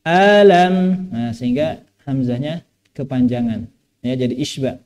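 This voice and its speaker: A man's voice: fairly high pitch, moderate pace, warm tone. A man teaching Quran recitation in a mosque, drawing out phrases and patiently correcting pronunciation. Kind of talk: tajweed lesson with recitation.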